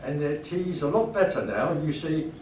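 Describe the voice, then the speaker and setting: A man's voice: a little high, lively intonation, normal speed, a little mellow, close to an everyday voice. A man playing a fussy, evasive train passenger in a comic pantomime, explaining himself in an indignant stage manner. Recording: echoey hall from far off, background noise.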